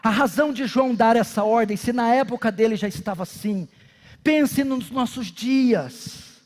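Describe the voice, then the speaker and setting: A man with a Brazilian accent preaching a sermon as pastor, swinging dramatically between shouts and hushed intensity. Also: extremely high pitch, moderate pace, big-room sound.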